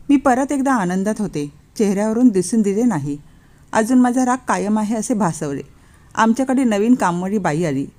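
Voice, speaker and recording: A woman's voice: medium pitch, warm tone. A woman narrating a first-person story, lightly acting out the quoted lines.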